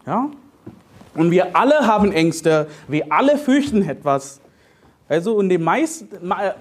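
Husky-voiced man preaching playfully. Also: high-pitched. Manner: playful, joking, animated sermon delivery with frequent "ja?". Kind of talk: sermon.

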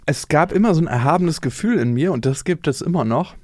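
A man's voice: on the high side, quick pace, no echo, clean studio sound. A man, co-hosting a casual podcast chat and acting out the people in his stories. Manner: animated storyteller, acts out quotes in voices. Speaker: podcast co-host.

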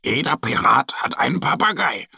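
A man's voice: medium pitch, big pitch swings, normal speed, vocal fry, pushed and bright, husky, no echo, clean studio sound, pitched above the performer's own voice, heavily acted. A man voicing a cheerful, dreamy little male bear cub in a children's storybook, with a friendly, playful manner.

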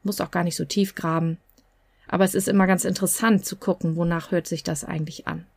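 A woman's voice: lowish voice, level tone, fast talker, creaky, a little mellow, dry recording. Woman coach talking through a podcast. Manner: conversational, explanatory, many fillers like "ja" and "äh". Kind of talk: podcast monologue giving advice.

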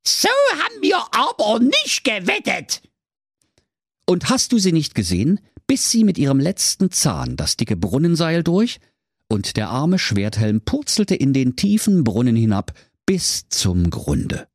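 A man's voice: mid-range voice, wildly swooping pitch, measured pace, a little mellow, dry recording. A man narrating a comic fairy tale, playful and relishing rhyming sound words, close on a studio mic.

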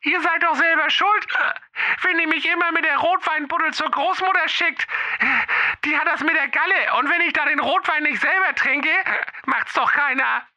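A man's voice: very high-pitched, moderate pace, sharp tone, no echo, voice pushed up, heavily acted. A man voicing a drunken, cheeky woman programmer who slurs and trips over her words. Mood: tipsy, defensive. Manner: slurred, tipsy, stumbles over words. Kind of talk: comic radio fairy-tale acting.

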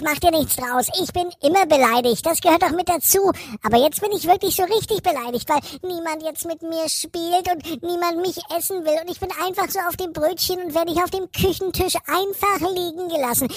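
A man's voice: a little fast, few pauses, dry recording. A man voicing a sulky, offended talking liverwurst that keeps complaining in a storybook tale. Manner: whiny, grumbling, very high squeaky voice. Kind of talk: storybook reading.

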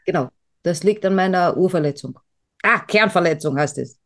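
A woman's voice: on the low side, normal speed, fairly bright tone. A woman co-hosting a podcast in casual chat, rambling and self-mocking, with many fillers and restarts. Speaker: podcast co-host.

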